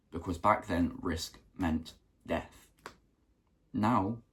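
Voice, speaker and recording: Young male vlogger, low husky voice, earnest motivational delivery with a rough throat. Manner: earnest, repeats himself for emphasis. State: keeps clearing his throat. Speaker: self-improvement vlogger. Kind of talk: motivational talk to camera.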